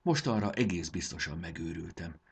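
A man's voice: deep voice, expressive, gravelly, breathy edge, exaggerated voice. A man voicing a grieving mother who speaks in a trembling, emotional way in a storybook reading.

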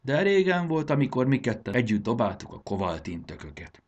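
A man voicing a fussy, cheerful old male gurgó in a storybook reading, his voice pushed high and excitable. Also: muffled recording. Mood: delighted. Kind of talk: audiobook character voice.

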